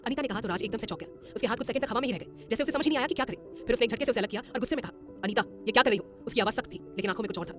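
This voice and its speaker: A woman narrating a romantic audio drama in a brisk, expressive scripted style. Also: on the high side, over music.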